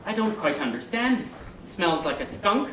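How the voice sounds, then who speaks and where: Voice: medium pitch, sing-song, normal speed, fairly bright tone. A sly, boastful little leprechaun, put on by a performer, talking in a playful lilt on a comedy interview. His voice sounds distant in an echoey room with faint noise behind it. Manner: cheeky, sly, rambling, fond of wordplay. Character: boastful mischievous little male Irish leprechaun. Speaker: interview guest.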